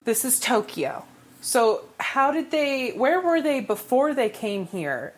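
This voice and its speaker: A woman co-hosting a casual book podcast, thinking aloud slowly and tossing in dry asides. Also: high voice, sing-song. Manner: slow and musing, dry asides. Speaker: podcast co-host. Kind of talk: casual book-club chat.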